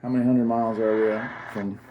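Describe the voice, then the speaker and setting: This YouTube host casually demos a gadget, rambling enthusiastically in a lowish voice that moves little in pitch and runs a little fast. Someone else holds the phone camera recording him, and the audio is dull with faint background noise.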